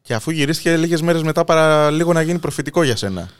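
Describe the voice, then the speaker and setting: A man hosts a relaxed studio chat, his mid-pitched voice rising and falling freely. He feeds the guest questions and quick reactions. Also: clean tone. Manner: prompts and short reactions. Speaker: show host. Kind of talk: casual interview chat.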